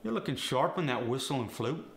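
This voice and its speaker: Acting out example sentences for a slang lesson, a man plays a cheeky working-class Cockney bloke, punchy and colloquial in a Cockney accent. His mid-range voice is gravelly, sing-song and a little fast. The room echoes, with faint noise behind.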